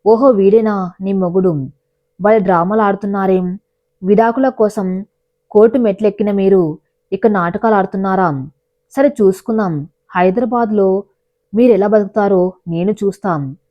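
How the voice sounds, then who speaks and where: A woman's voice: medium pitch, moderate pace, pauses often, dull audio, natural voice. Woman reading as a sneering gangster father. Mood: sneering menace. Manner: mocking and threatening. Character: cruel sneering middle-aged male gangster father.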